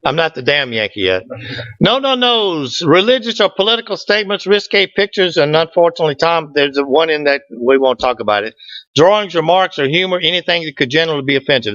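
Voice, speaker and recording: At a lectern in an indoor meeting room, a man from Georgia with a Southern US accent gives an informal club slide lecture with group chat, folksy and joking. His voice is a little high, animated, fairly quick and fairly bright. The recording is dry, dull and muffled.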